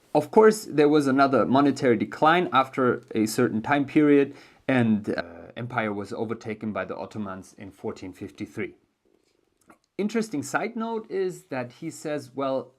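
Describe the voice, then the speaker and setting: German man explaining with many ums. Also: mid-range voice. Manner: thinking aloud, many ums and restarts. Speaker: educational video host. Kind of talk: casual spoken book explainer.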